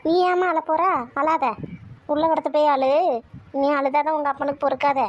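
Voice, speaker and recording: A woman playing a sharp-tongued, domineering old grandmother in a family comedy skit, complaining in rapid-fire bursts. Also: sits high, level tone, dull audio, slight background noise, natural voice. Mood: bossy.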